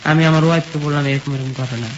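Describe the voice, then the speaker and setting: This is a young man from the Bangladeshi countryside, his voice fairly high and his pace quick, sharing his personal story in an interview. He talks in everyday village language, going through things in order and repeating dialogue as he tells it. The sound is dull, with a persistent sizzle.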